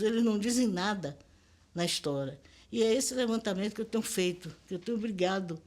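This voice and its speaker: A woman's voice: mid-range voice, a little mellow. An older woman with a Bahian accent, speaking as a linguist in a documentary interview, lecturing emphatically and asking rhetorical questions.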